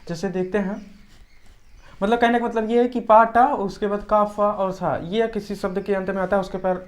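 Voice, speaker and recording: A woman teaching English pronunciation in an explanatory lesson. She repeats example words over and over, drilling them slowly. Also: mid-range voice, fairly even intonation.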